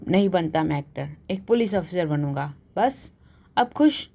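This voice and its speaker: A woman's voice: fairly low pitch, expressive, a little slow, creaky, dark tone, exaggerated voice. A touchy young college guy snaps back at his friends' teasing, voiced by a woman reading the story. He sounds huffy and irritated in a read-aloud tale. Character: touchy young male college student, easily annoyed.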